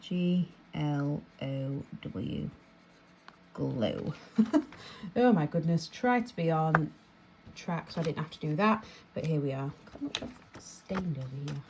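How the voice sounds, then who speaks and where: A young woman from the United Kingdom, a vlogger, talks at a normal speed in a low, expressive voice while counting and sorting her cash. She's chatty and rambling, laughing at herself, with background noise around her.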